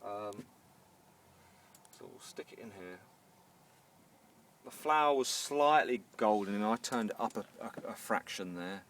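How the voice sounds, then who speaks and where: A man with a Northern Irish accent and a lowish, fairly bright voice demonstrates a recipe as a home baker inside a camper van. He talks a little slowly, pausing often, and hesitates and repeats words as he starts phrases in this casual, unscripted chat. A distant mic records him with faint background noise.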